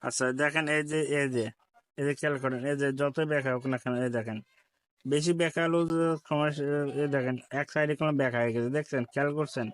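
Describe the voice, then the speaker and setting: A man with a Bangladeshi Bengali accent talks viewers through an editing app one step at a time. He keeps circling back to repeat each instruction. His voice is smooth and clear, recorded close and dry with no room sound. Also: on the high side, steady tone, quick pace, dry recording. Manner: repetitive step-by-step instruction, addresses viewers politely. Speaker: tech tutorial host. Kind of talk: screen-recorded app tutorial.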